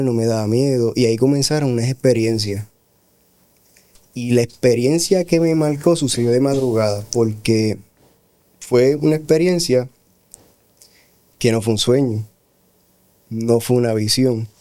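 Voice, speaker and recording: Mellow-voiced pastor telling his story. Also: mid-range voice. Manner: slow, reflective storytelling with hesitations. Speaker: pastor, guest. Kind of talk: testimony in a radio interview.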